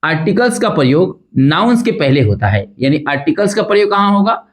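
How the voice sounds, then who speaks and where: A male teacher explains grammar with a lively, rising and falling voice, often asking a question and answering it himself. He talks to his class as children and points them to the board. His voice sits a little high for a man. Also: fairly quick. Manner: addresses students as children, asks and answers his own questions. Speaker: English teacher.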